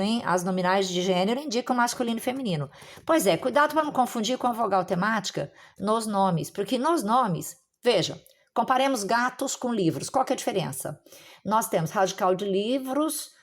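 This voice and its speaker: A woman teaching a recorded grammar lesson, explaining patiently and often checking in with her students. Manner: lively pitch jumps on stressed words.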